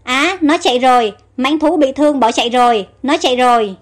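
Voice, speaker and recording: A woman's voice: sits high, brisk. A woman voicing alarmed soldiers. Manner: shouting warnings. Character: alarmed common soldiers, men.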